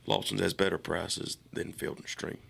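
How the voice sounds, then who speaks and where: Deep, very gravelly man. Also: fairly even intonation, normal speed, a bit bright. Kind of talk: casual on-air chat. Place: radio studio.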